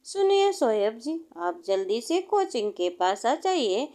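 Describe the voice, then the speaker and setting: Woman narrator reads an anxious caring young woman, slow and lilting; storybook. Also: fairly high pitch, sing-song, dark tone. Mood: flustered. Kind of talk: storybook reading in Hindi.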